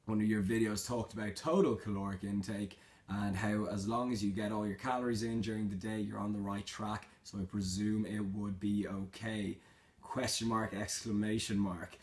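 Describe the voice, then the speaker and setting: A man's voice: fairly low pitch, level tone, normal speed, a little mellow. A young man in a casual Q&A vlog, reading out questions and answering them in an informal, matter-of-fact, slangy way. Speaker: fitness vlogger.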